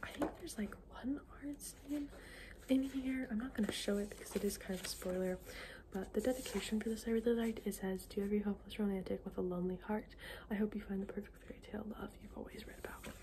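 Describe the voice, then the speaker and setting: A woman speaks in a soft, fully unvoiced ASMR whisper at a medium pitch. Her delivery is informal and halting, like a casual book chat that often trails off. The recording carries clear background noise along with small clicking sounds. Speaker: ASMR book video creator.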